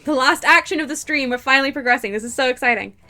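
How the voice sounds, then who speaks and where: Reading game text aloud between casual chatter, this streamer is quick to laugh and breaks into high-pitched delight. She has a cold, with a blocked nose and scratchy throat, and gentle music plays behind her.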